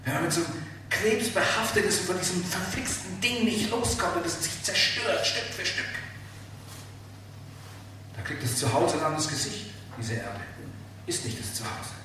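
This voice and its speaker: A man preaching a sermon, emphatic and animated, asking the listeners rhetorical questions. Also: high voice, moderate pace, far from the mic. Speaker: pastor. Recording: very echoey hall, speaker off-mic, faint room noise.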